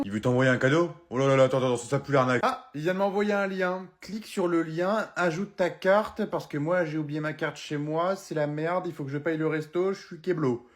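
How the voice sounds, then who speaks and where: Animated man in comedy sketches. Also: a little high. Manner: animated, exaggerated, swings between shouting and muttering. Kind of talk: comedy sketches, several roles.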